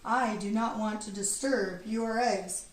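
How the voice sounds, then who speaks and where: A woman's voice: mid-range voice, fairly even intonation, a little slow, close to an everyday voice. A woman voicing a kindly, earnest old Santa Claus in a children's storybook. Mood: worried. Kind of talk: children's storybook read-aloud. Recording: roomy, distant, faint background noise.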